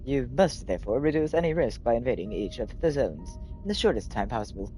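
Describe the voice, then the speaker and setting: A stiff, courteous male robot assistant from a video game speaks in measured, formal sentences, read by a man. The voice sits mellow and soft-edged, with faint music playing underneath. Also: mid-range voice, very animated, natural voice. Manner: polite, stiff, apologetic.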